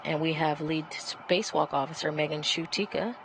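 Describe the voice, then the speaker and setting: Low-voiced woman giving live mission commentary. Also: fairly even intonation, moderate pace, a little hiss or hum, low-quality recording. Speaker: public affairs commentator. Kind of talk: live explanatory commentary on a spacewalk.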